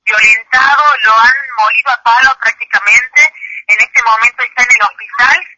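Over a muffled, noisy phone connection, an activist in her 30s from Chilecito, Argentina, gives phone interview testimony. Her voice is fairly high and her pace normal, but she speaks hesitantly, with many fillers.

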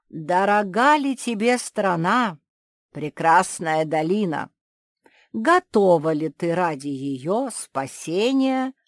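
A woman voicing a scheming old male ant who speaks in slow, coaxing, drawn-out phrases. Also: lowish voice, no room sound, clean studio sound, pitched above the performer's own voice.

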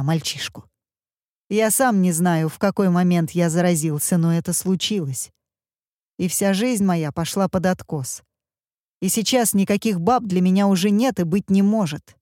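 A woman's voice: lowish voice, dark tone, no echo, studio quality, close to an everyday voice. A woman reading an audiobook, voicing a handsome young male villain who snarls in desperate, anguished outbursts.

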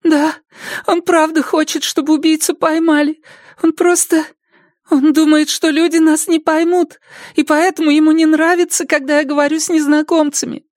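A man voicing a frightened, tearful young woman in an audiobook, shrill and pleading. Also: flat delivery, normal speed, no echo, studio quality. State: crying. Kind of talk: audiobook character reading.

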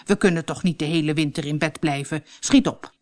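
A woman's voice: sits low, a little fast, darkish tone, voice pushed down, close to an everyday voice. A woman voicing a stern old mother who scolds her lazy son in a storybook reading. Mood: scolding. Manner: scolding, commanding. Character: stern old mother, poor woodcutter's wife.

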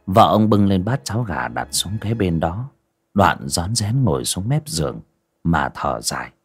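A man narrates a village ghost tale. His voice is fairly low but very animated, with wide swings in pitch. His delivery is theatrical and lively. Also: measured pace, husky. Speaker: storyteller. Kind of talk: dramatic ghost story narration.

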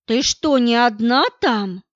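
A woman's voice: a little high, slow, no echo. A woman voicing a worried, insistent middle-aged mother who presses with questions, in a dull, dry recording.

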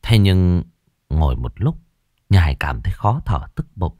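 A man narrating an audio story in a measured, expressive way. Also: deep voice, slightly rough, no room sound, clean studio sound.

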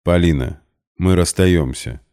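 Audiobook figure: wealthy man, cold and measured, deep and dark in tone, done by the male reader. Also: animated. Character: cold, weary wealthy man, dry and curt.

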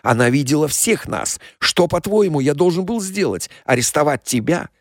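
A man voicing a gruff, bullying older ex-cop in an audiobook crime story, harsh and contemptuous. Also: on the high side, animated, normal speed, no echo, studio quality. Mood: furious. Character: menacing older male ex-cop, gruff stepfather.

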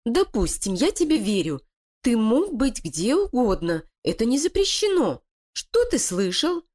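A woman's voice: a little high, big pitch swings, measured pace, darkish tone, voice pushed up. Woman putting on a sly scheming female beast. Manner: cold, threatening, commanding.

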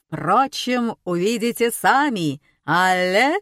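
A woman's voice: medium pitch, animated, slow pace, fairly bright tone, no echo, clean studio sound. Brief: a woman as a flamboyant male circus magician, bellowing announcements, storybook reading. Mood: grandly booming. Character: loud showy male stage magician.

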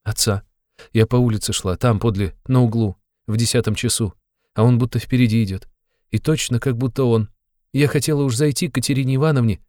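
A man's voice: medium pitch, fairly even intonation, a little fast, darkish tone, no room sound, clean studio sound, voice pushed up, lightly acted. A man voicing a frightened, timid young woman who speaks in a plaintive, trembling way. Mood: earnest.

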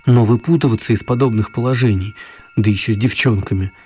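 Over soft background music, a man with a warm, low-leaning voice narrates a children's story at a fairly quick pace. His scripted storybook reading is lightly acted and in a storytelling mood.

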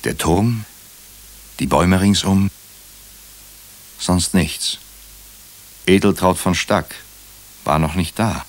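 In a radio crime drama, a low-pitched man plays a nervous doctor narrating his own ordeal during the night. His delivery is deliberate and suspenseful, with a tense, watchful mood.

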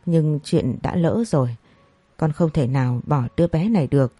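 A young daughter begs her mother for forgiveness in a low, mellow voice, as a woman storyteller plays her. The recording is dry and close. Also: normal speed, breathy edge, dry recording, faint music behind. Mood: pleading. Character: pleading pregnant young daughter.

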